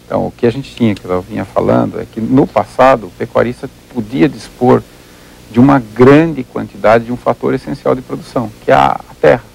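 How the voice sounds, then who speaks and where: A man's voice: medium pitch, a little fast, creaky, darkish tone, husky, low-quality recording. A Brazilian man, a livestock researcher as an interview guest, explaining at length and working through examples, often repeating words as he thinks.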